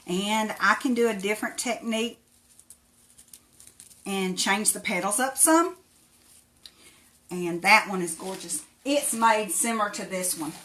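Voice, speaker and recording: Female craft livestream host, Tennessee Appalachian accent, bright forceful voice, folksy and chatty. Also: mid-range voice, a little hiss or hum. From Tennessee, United States. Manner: folksy, chatty, thanks viewers by name. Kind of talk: casual live craft demonstration, greeting viewers.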